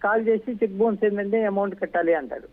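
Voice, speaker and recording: Man calling in, halting and upset, high voice, phone-line sound. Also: fairly even intonation. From Andhra Pradesh. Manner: distressed, halting. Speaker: caller. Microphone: phone call.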